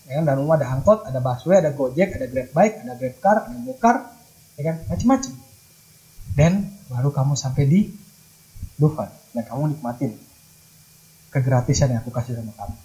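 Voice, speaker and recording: A man's voice: on the high side, darkish tone, low-quality recording. A young man from Manado preaching a casual, slangy youth sermon in an online church service, mixing in English phrases. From Manado, Indonesia.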